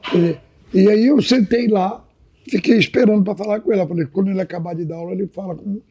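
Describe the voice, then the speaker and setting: Relaxed storytelling fills this podcast chat, where a Brazilian guest from Minas Gerais in his 80s animatedly recounts old tales, repeatedly using the host's name. His voice sits high and is slightly rough, he speaks at a quick pace, and the audio is dull.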